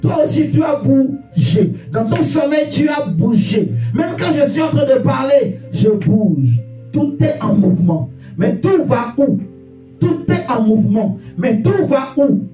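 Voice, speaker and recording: Preaching at an unhurried pace, a man with a very high, sing-song voice and a dark tone urges his audience on, repeating himself and asking rhetorical questions. The sound is echoey and distant, with faint music in the background.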